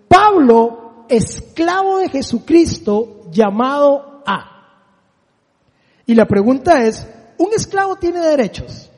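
A man's voice: very high voice, darkish tone. A man in his forties preaching a sermon, emphatic, putting rhetorical questions to his listeners. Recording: long reverb of a large hall.

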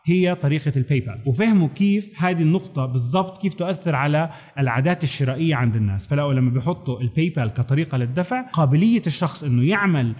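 A man's voice: a little high, expressive, very fast, darkish tone. A man with a Levantine Arabic accent presenting a conversational explainer, addressing the listener directly with rhetorical questions. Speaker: video presenter.

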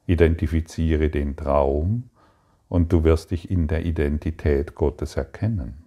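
A man giving a calm, meditative spiritual talk, speaking slowly and soothingly with long pauses. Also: very deep voice. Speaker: spiritual teacher.

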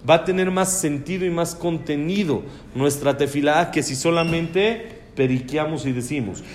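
A man's voice: fairly high pitch, normal speed, a little hiss or hum. A man teaching a religious lesson on prayer, posing questions and answering them himself. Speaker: Torah teacher.

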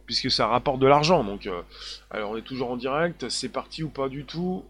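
A man's voice: medium pitch, brisk, fairly bright tone. Emphatic man hosting a live stream. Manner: emphatic, repetitive, many fillers. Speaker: livestream host. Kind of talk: live stream chat, reading viewer comments.

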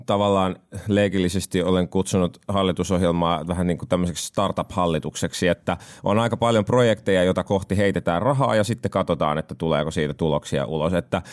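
Deep-voiced man thinking aloud. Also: darkish tone, dry recording, clean studio sound. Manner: analytical, thinks aloud with frequent fillers. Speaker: discussion participant. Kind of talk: casual policy discussion.

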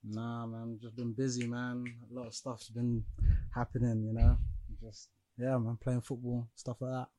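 A man's voice: mid-range voice, completely flat delivery, normal speed, warm tone, dry recording. London roadman-style young man, dry sound. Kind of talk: casual podcast banter.

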